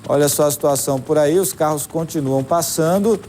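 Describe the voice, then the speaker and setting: A Brazilian man anchors live morning news, tossing to reporters and commenting loosely on what the camera shows. His voice is slightly high but mellow in tone. A light noise runs underneath. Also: brisk. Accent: Brazilian Portuguese. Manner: chatty, commenting on live footage.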